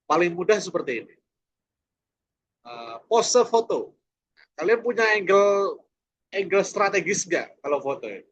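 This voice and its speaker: A man's voice: sits high, animated, unhurried, long pauses, a bit bright. A man teaching a preacher training class online, asking rhetorical questions and tagging his sentences with "ya". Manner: rhetorical questions, frequent "ya" tags.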